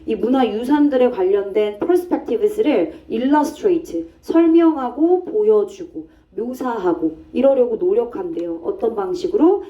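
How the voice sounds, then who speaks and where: A woman teacher walks a class through English grammar, posing questions and answering them herself. Her voice is mellow and dark in tone. It is picked up from a distance on a dull, muffled recording. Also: fairly high pitch. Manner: explains step by step, asks and answers own questions. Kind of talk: classroom lecture.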